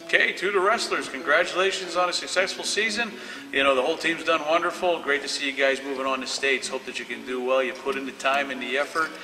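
A man's voice: medium pitch, steady tone, fast talker, over music. A man from the school staff giving a plain, encouraging good-luck message. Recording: distant mic, hiss, long reverb.

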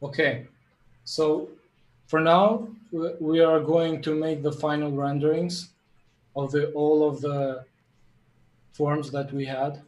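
A man's voice: on the high side, level tone, slow pace, pauses often, a little mellow. A man from Kosovo, a native Albanian speaker, answering interview questions hesitantly in simple phrasing over a video call. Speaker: guest designer. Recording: dull lo-fi video call audio.

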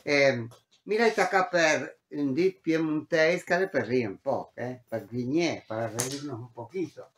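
A man gives an online language lesson at an unhurried pace, turning words over and repeating them. He tags his sentences with a questioning "eh?" and switches back and forth between two languages. His voice bounces around a roomy space. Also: mid-range voice, fairly bright tone. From Argentina. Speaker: language teacher. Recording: roomy echo.

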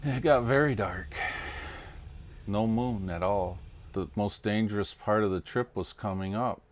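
Deep-voiced middle-aged man, matter-of-fact. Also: unhurried, a little hiss or hum. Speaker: boat captain. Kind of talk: matter-of-fact documentary interview. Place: small equipment room, indoors.

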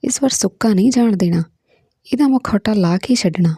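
A woman's voice: mid-range voice, brisk, mellow, breathy edge, no room sound, clean studio sound. A woman reading the lines of a spiteful, scheming male schoolteacher who talks in a biting, mocking way. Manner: biting, mocking, talks while chewing his words.

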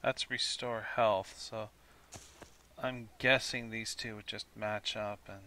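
Slow, gravelly, bright-voiced gamer. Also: male voice, on the low side, level tone. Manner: chatty, self-mocking, thinking aloud. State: tired. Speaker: gamer, let's play host. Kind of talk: casual gameplay commentary.

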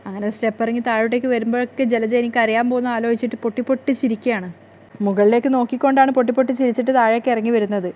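A woman's voice: fairly high pitch, a little mellow. A woman narrating a TV serial recap in a chatty storytelling way, sometimes correcting herself.

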